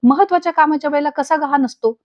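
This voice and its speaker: A woman's voice: high voice, fast talker, voice pushed up, lightly acted. A woman voicing a commanding middle-aged male head of the family, brusque in manner. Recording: dull lo-fi recording.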